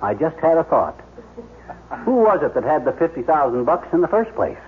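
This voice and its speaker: An American actor playing a scheming, hapless, folksy husband in a 1950s radio comedy. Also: male voice, a little high, very animated, moderate pace. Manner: folksy, slangy. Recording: noisy vintage radio, narrow phone-like band.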